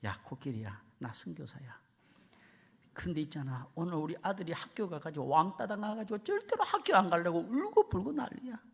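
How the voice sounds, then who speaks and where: A preacher doing a worn-out male missionary, his voice climbing high and thin as he whines through his troubles. The figure sounds exhausted and pleading, pitched well above the speaker's own voice, in a told joke. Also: big pitch swings, a little fast, vocal fry, slightly rough, full character voice. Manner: whining, complaining, rising.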